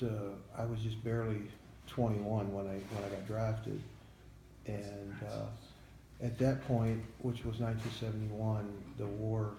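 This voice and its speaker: An older American man, a veteran in an interview, remembering his army days in a halting, plain-spoken way. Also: on the low side, gravelly, dark tone. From United States. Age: 70s or older. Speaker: Vietnam-era army veteran being interviewed. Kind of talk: veteran interview, recalling memories. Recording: echoey room, faint background noise.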